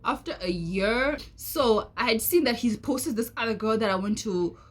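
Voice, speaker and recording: A woman's voice: a little high, lively intonation, moderate pace. A young South African woman spilling a personal story in a loose, chatty vlog style. She rambles, repeats lines and skips over details with filler sounds. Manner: chatty, rambling, repeats herself and fills gaps with "da da da". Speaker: vlogger. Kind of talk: casual storytime.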